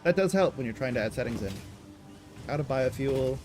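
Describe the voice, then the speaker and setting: A man's voice: mid-range voice, lively intonation, a little fast. A man streaming a factory-building game, chatting casually to himself as he plays, often addressing the machines. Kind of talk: casual gameplay commentary. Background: game music.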